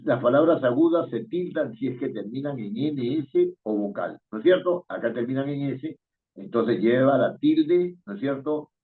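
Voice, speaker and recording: A man's voice: mid-range voice, lively intonation, normal speed. A man teaching an online spelling class, patient and questioning, chuckling now and then. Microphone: video call. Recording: tinny phone-like call audio.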